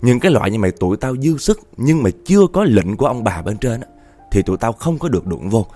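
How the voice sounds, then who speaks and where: A man's voice: mid-range voice, very animated, fast talker, mellow, soft background music. A man voicing family elders who scold and lecture a relative.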